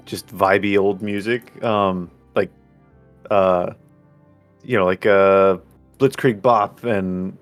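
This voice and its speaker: A man's voice: deep voice, fairly even intonation, slow pace, faint music behind. A man chatting casually as a tabletop game player, meandering with many fillers.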